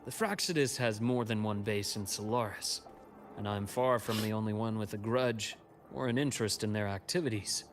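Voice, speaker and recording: An actor playing a calm, secretive male informant in a video game, delivering grave, deliberate exposition. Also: lowish voice, faint music behind, natural voice.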